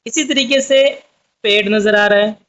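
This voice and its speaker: High-voiced man teaching a patient lesson. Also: steady tone, a little slow, sharp tone, clear, resonant tone. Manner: patient, repetitive explaining, addresses viewers as friends. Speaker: Urdu teacher. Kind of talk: online language lesson. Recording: dull lo-fi sound.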